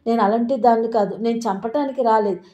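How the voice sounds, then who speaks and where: A woman's voice: fairly high pitch, fast talker, dark tone, dull audio, natural voice. A woman voicing a lovesick young woman who pleads that she did nothing wrong. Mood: defensive. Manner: defensive, pleading.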